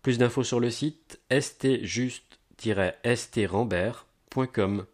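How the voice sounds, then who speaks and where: A man's voice: medium pitch, slow. A man reading a scripted events listing in an upbeat announcer's manner, stressing the headlines. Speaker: announcer of a local events agenda. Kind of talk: scripted promotional narration.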